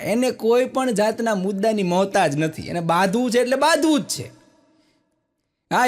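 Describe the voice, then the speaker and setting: A man telling stand-up jokes as chatty stories and acting out the people in them. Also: high-pitched. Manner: chatty anecdotal storytelling, acting out quoted people. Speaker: stand-up comedian.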